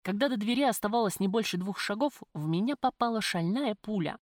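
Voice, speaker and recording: A woman reading a first-person audiobook in an even, measured way. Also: medium pitch, no echo, studio quality. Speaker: audiobook narrator.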